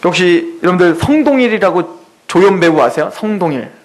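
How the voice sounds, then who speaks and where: A man preaching a sermon in a church, telling a story with lively quoted voices. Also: sits high, brisk. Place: church sanctuary.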